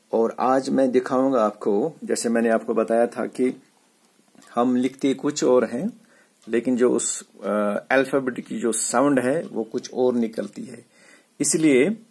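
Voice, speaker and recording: A man giving a classroom lecture on letter sounds, explaining slowly and repeating words for emphasis. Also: medium pitch, a little mellow, breathy edge. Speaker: English teacher. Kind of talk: classroom lecture mixing Hindi and English.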